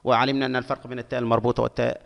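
A male primary school teacher giving a reading lesson, sounding out words syllable by syllable and stretching each one slowly for young pupils. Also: medium pitch, flat delivery, gravelly. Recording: long hall reverb.

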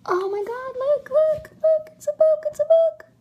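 There is slight background noise and the highs are cut off as a thirtysomething indie writer and vlogger with a Russian accent addresses a close-up phone or webcam in a small room at home. Her voice is very high at normal speed, and her goofy, theatrical, playful vlog swings from whispers to excited squeals.

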